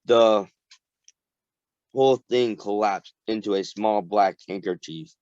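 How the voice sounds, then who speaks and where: A man reads a novel aloud to a small group at a slow, careful pace, now and then stumbling over a hard word and starting it again. His voice sits on the lower side. The audio is dull, lo-fi and dry, as over a video call. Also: darkish tone, no echo. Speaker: reader. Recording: dull lo-fi recording.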